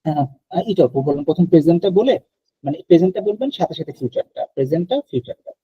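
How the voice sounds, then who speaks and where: A man teaching an online French class, explaining slowly and repeating verb conjugations aloud. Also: a little high, breathy edge, no echo, lo-fi sound.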